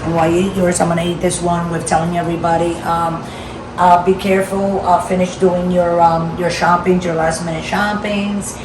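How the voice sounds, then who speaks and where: Woman, casual cooking vlogger, conversational, talks to viewers, distant mic, clear background noise. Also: lowish voice, level tone, normal speed. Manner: conversational, repeatedly seeking agreement. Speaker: home cooking video host. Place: home kitchen. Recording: roomy, noisy kitchen, distant mic.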